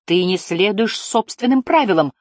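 A woman's voice: medium pitch, expressive, moderate pace, darkish tone, no echo, clean studio sound, voice pushed up, lightly acted. Woman voicing a defiant young boy hero. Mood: furious. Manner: heated, accusing, voice trembling.

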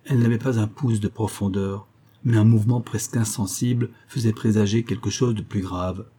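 A man reading a literary travel story as an audiobook narrator, in a measured storytelling manner. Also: on the low side, fairly even intonation, mellow, breathy edge.

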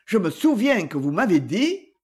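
Un homme qui lit un livre audio et prête une voix rauque à une femme de ménage mal habillée, hardie et provocante. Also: male voice, high-pitched, sing-song, moderate pace, darkish tone, exaggerated voice. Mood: defiant. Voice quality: raspy. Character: shabby, hoarse charwoman, bold and defiant.

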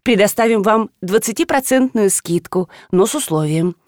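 A woman's voice: mid-range voice, big pitch swings, normal speed, dry recording, studio quality, lightly acted. A woman reading the part of a formal, bureaucratic female registry official. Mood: sugary. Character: stiff middle-aged female registry official.

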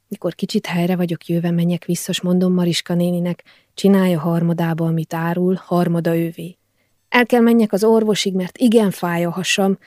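Woman, audiobook narrator, quiet intimate first-person reading, near-whispered moments, mellow dark tone, dry close studio sound. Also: lowish voice, no room sound.

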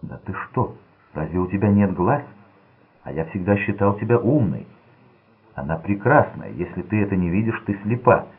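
A man's voice: lowish voice, animated, moderate pace, slightly rough, exaggerated voice. A man doing a sulky, menacing young thug. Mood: pleading. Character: brooding, unstable young gangster son. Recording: tinny lo-fi narrow-band audio.

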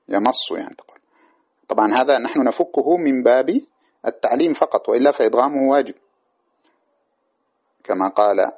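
A man teaching a lecture on classical grammar. He explains patiently, often checks in with his listeners, and recites verse lines in a measured way. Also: mid-range voice, a little mellow, breathy edge. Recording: dull lo-fi recording.

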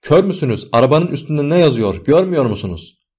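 A man voicing an old grumpy male donkey, shouting urgently in an audiobook. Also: lowish voice, sing-song, fairly quick. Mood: frantic shouting.

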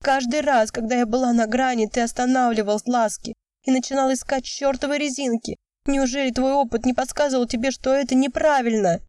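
A woman's voice: fairly high pitch, moderate pace, mellow, no room sound, studio quality, distant mic, voice pushed up, close to an everyday voice. A woman voicing a young woman who is upset and pleading with her lover, speaking emotionally. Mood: shouting. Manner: emotional, cries out then pleads.

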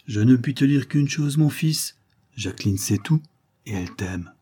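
A man's voice: mid-range voice, animated, unhurried, mellow, slightly rough. A man voicing the Countess de Trémeuse, an aging mother who speaks tenderly and solemnly to her son, in an audiobook reading.

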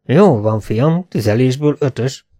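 A cocky young adventurer trades deadpan quips while bullets fly, slightly lifted above an ordinary male voice, as a male reader puts him on. His tone stays unflappable and amused. It sounds like an audiobook dialogue scene. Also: mid-range voice, no room sound, clean studio sound, close to an everyday voice. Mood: wry. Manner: wisecracking, unflappable.

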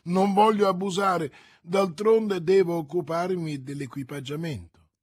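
A man's voice: high voice, unhurried, a little mellow, no echo, studio quality. A man voicing a hungry, boastful, sly musketeer in an audiobook reading, blustering aloud and muttering to himself.

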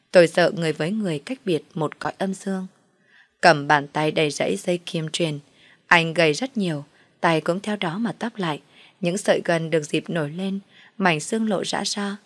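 A woman's voice: sits low, no echo. A woman telling a first-person family story aloud and speaking all the characters' lines herself. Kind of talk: first-person story narration with voiced dialogue.

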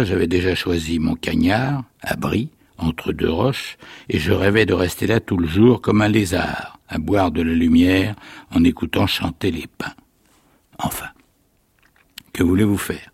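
A man reading a classic story aloud in a measured, expressive way. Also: low voice, gravelly, slightly rough, no room sound, studio quality. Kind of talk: literary reading.

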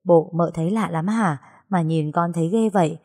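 A woman's voice: on the low side, moderate pace, darkish tone, slightly rough, big-room sound. A woman voicing a young village woman speaking casually and lightly. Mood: light teasing. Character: young woman, once unruly, now calm.

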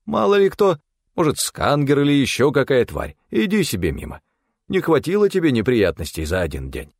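An anxious old spirit bound in a walking cane, as a man puts him on, fretting and scolding in a raised, agitated voice. A gravelly edge runs through it, recorded close and dry. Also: on the low side, huge pitch swings, fairly quick, a little mellow, dry recording, full character voice. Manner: worried, scolding. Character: fussy old male spirit in a cane, protective.

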